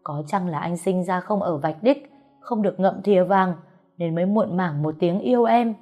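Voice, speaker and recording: A woman's voice: lowish voice, normal speed, natural voice. A woman reading an earnest young man confessing. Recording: soft music behind the voice.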